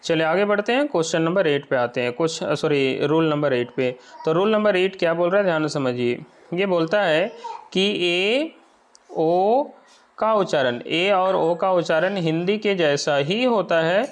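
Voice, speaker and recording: A man teaching an exam-prep lesson, explaining step by step and often asking whether the point is clear. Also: sits high. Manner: explains slowly, checks understanding with rhetorical questions.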